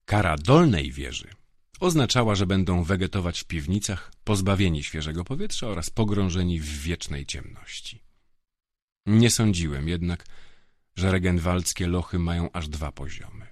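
A man with a very deep voice narrates a first-person fantasy audiobook. His delivery is measured and dryly ironic. The recording is close and dead, with no room sound. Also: a little mellow, no room sound.

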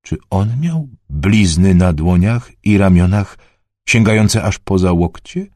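Brief: tired old peasant man, read by a male narrator, low and husky, soft and hesitant. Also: expressive, slow pace, dry recording, clean studio sound, exaggerated voice. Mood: worried. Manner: quiet, hesitant, half-whispered. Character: weary old male peasant, frail and anxious.

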